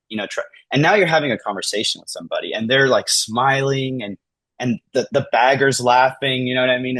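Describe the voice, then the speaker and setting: A man in his thirties talking casually as a podcast guest, acting out everyday conversations in lively voices and often saying "like" and "man". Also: lowish voice, breathy edge, no room sound. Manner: animated, acts out dialogue in lively voices, says "like" and "man" often.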